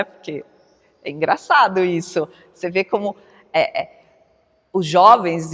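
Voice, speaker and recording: A middle-aged woman gives a spiritist talk in an easy, conversational way and keeps checking in with her listeners through tag questions. Her voice sits in a middle register. The sound carries a long hall reverb. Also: mid-range voice. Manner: chatty, frequent tag questions, laughs along. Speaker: spiritist lecturer. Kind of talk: informal lecture to an audience.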